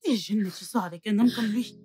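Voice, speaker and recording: A woman's voice: medium pitch, fairly quick, darkish tone, breathy edge, soft background music, close to an everyday voice. A woman dubbing a scheming, spiteful young woman in a French film dub, with a sneering, taunting manner. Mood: mocking.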